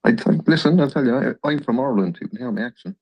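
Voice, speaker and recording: A man's voice: mid-range voice, very fast, a little mellow, poor audio. A man calling into a livestream show, mumbling and defensive in casual talk. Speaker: caller. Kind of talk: casual call-in chat.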